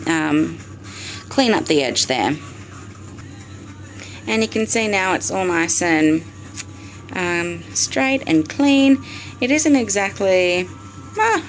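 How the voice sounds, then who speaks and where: A woman's voice: lowish voice, slight background noise. Australian woman recorded on a phone video. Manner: chatty, explains step by step with frequent ums. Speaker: vlogger. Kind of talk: casual DIY tutorial. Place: bedroom at night. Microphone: phone camera.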